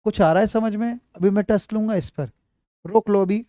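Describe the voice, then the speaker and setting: A man's voice: sits high, a little fast, mellow, dry recording, clean studio sound. A man teaching Hindi letters and sounds to students in a live class, repeating himself often and checking again and again that they understand, calling them child. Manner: addresses students fondly as child. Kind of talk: live online class, explaining at a board.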